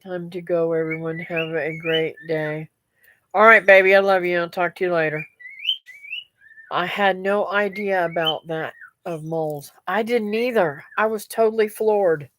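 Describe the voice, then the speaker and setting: Her voice is fairly low, steady, and a bit bright, with a little stuffiness and nasality, and she keeps a measured pace. A middle-aged homestead vlogger, she reads live comments and rambles chattily to viewers she calls "guys" and "y'all." A little hiss or hum is audible.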